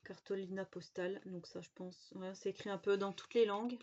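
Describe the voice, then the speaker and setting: Woman, chatty haul vlogger, excited, filler words, faint hiss and clicks. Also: medium pitch, brisk, highs cut off. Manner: chatty, enthusiastic, many fillers and restarts. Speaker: scrapbooking vlogger. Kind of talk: casual product haul chat. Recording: faint background noise and clicks.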